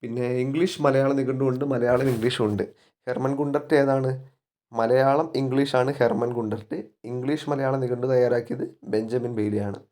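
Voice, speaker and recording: A man's voice: mid-range voice, fairly even intonation, fairly quick, mellow. A male teacher giving an exam-prep lesson, repeating key facts and asking himself quiz questions.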